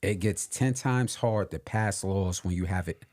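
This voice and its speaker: A man's voice: deep voice, unhurried, a little mellow. A man co-hosting a podcast, speaking in an opinionated, emphatic way and repeating his points for weight in casual conversation. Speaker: podcast co-host. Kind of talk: casual political and hip hop chat.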